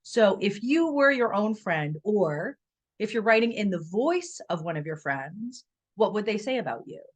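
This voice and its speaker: A woman's voice: mid-range voice, big pitch swings, moderate pace. A woman in her thirties, a writing coach giving a casual, playful video lesson with self-mocking asides. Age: 30s.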